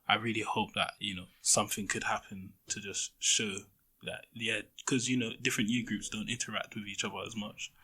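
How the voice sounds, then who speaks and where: A man's voice: fairly low pitch, pushed and bright, husky. A teenage male student talking casually on a school podcast panel, with lots of "you know" fillers. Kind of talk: casual discussion.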